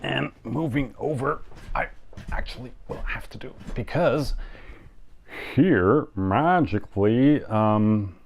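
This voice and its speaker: Hosting a live show, a young native German speaker stumbles through casual talk full of fillers and false starts. He takes it slowly in a mid-range, gravelly voice, and a little hiss or hum is audible.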